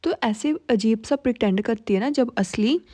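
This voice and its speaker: A woman's voice: a little high, normal speed, dark tone, no echo. A young woman from India casually retelling a drama plot, chatty and full of fillers. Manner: conversational Hinglish with many fillers. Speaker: drama recap narrator. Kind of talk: casual storytelling recap.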